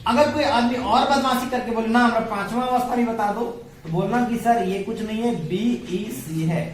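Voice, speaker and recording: A high-pitched man briskly teaches a science class, quizzing students with repeated questions and affectionately calling them "babu." His voice echoes around the classroom, recorded from a distance over steady background noise.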